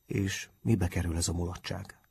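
A man voicing a stern but kind middle-aged male schoolteacher, gruff and loud when he exclaims. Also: low voice, level tone, full character voice. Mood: gruff kindly.

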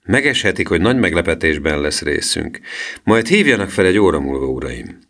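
A kindly middle-aged police inspector, done by a man reading the story, firm but good-humoured. His voice sits a little above the reader's deep own tone and moves lively through each sentence. It has a warm, avuncular storybook feel. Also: heavily acted. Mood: jovial.

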